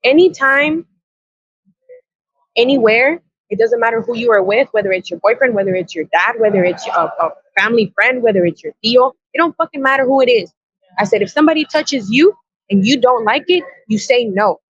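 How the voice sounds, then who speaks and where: A woman's voice: fairly high pitch, lively intonation, fairly quick, slightly rough, no room sound. A woman guest on a podcast telling a personal story with blunt, earnest, profane reported dialogue. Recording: dull, dry lo-fi sound.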